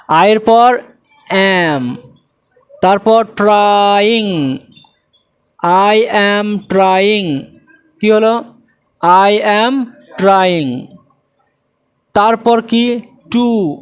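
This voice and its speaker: A man teaching a spoken English lesson, drilling sentences word by word, drawing out the English words slowly and quizzing his students. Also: high voice.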